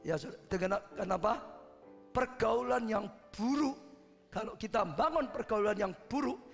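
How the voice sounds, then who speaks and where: A man preaching a sermon with passion, swinging from loud peaks to hushed asides. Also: high voice, moderate pace, creaky, in a large hall, soft background music. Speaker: pastor.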